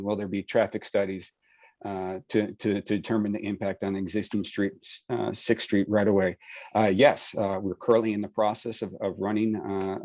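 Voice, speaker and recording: A man with a very deep voice moderates a webinar over a dry, dull video call. He talks in a relaxed, folksy way, full of fillers. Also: no room sound. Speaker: webinar moderator and project lead.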